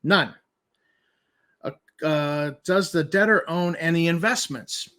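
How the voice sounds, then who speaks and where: Man, slightly high voice, informal document commentary, emphatic delivery, repeats key points, incredulous and skeptical. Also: takes it slowly, fairly bright tone. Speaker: commentator host.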